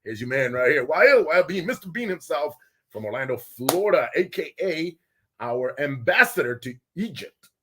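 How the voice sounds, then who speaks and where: A man hosting a casual live show from a small studio with guests, loud and excitable, often laughing. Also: on the high side, normal speed, breathy edge. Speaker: host.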